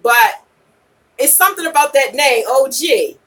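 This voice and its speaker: A high-pitched, animated voice, a bit bright and a little slow, belongs to a woman in her late 40s who vlogs and podcasts, here chatting live with viewers. Her advice is candid, slangy and emphatic, repeated for emphasis and dotted with "okay?" and "you know," all on a low-quality recording made far from the mic.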